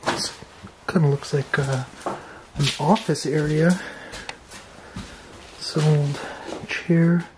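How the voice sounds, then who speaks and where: A man's voice: fairly high pitch, slow, long pauses, noisy background. Man exploring an abandoned house. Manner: excited, wondering remarks. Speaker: urban explorer host. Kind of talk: walkthrough vlog narration. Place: abandoned stone farmhouse, indoors.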